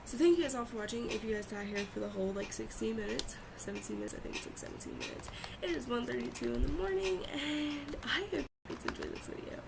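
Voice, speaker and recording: Young woman vlogging, creaky higher voice. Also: lively intonation. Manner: informal, halting, repeats words for emphasis. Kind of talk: casual confessional vlog chat. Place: bedroom at home. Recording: loud fan noise in room. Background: two loud fans running.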